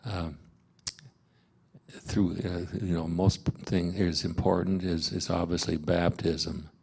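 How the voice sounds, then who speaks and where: Low, slow-speaking man leading a Bible study; halting, filler-heavy delivery. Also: level tone, gravelly, darkish tone, husky. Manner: halting, many fillers and restarts. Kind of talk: informal Bible study teaching. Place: parish meeting room.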